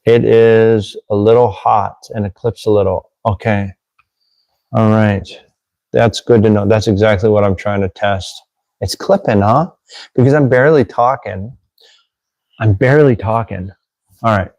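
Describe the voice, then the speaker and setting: A man with a low, gravelly voice talks casually and self-deprecatingly as he hosts a livestream. He reads passages from a handbook between asides. The sound is dry and close on a desk mic that clips a little. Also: little pitch movement, measured pace, darkish tone, no echo, highs cut off. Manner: chatty and self-deprecating, fiddling with audio gear. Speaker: host, former Marine Corps religious lay leader. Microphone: desk microphone with gain control.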